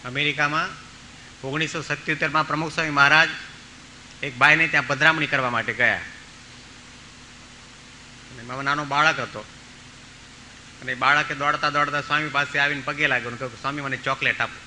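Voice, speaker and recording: A man's voice: a little high, steady tone, brisk, long pauses, pushed and bright, a little hiss or hum, low-quality recording. A man preaching a storytelling sermon, acting out the voices of the people in his tales. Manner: acts out voices in his stories, pleading and commanding. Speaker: monk preacher.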